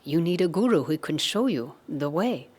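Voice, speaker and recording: A woman voicing a calm, wise male deity who gives patient counsel in a told story. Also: sits low, normal speed, slightly rough.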